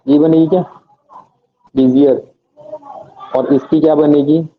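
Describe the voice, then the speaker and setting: Guy teaching english grammar, keeps asking then answering himself, tinny lo-fi audio. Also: on the high side. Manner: asks the class questions and answers them himself, spells words letter by letter. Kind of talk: classroom grammar lesson.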